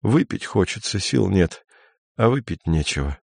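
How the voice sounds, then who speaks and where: A man's voice: low-pitched, sing-song, unhurried, vocal fry, a little mellow, slightly rough, dry recording, heavily acted. A man reading an audiobook, voicing a restless, complaining man with a grumbling, slightly raised voice.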